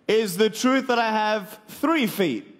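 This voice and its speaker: Preaching to a live audience, a young Australian man in his twenties mixes jokes with motivation and asks his listeners for responses. He's an evangelist with a high, expressive voice and a slow delivery. The sound carries a long hall reverb.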